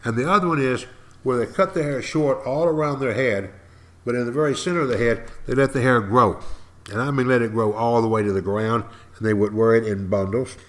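An older man with an East Texas accent gives an informal history monologue as a podcast host, folksy and wry, leaning on repetition and pauses for emphasis. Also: medium pitch. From East Texas, United States.

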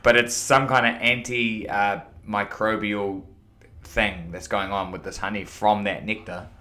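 A man's voice: lowish voice, little pitch movement, a little slow, pushed and bright. A man with a broad New Zealand accent chatting casually as a podcast guest, laid-back, slangy and matey. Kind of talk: casual chat.

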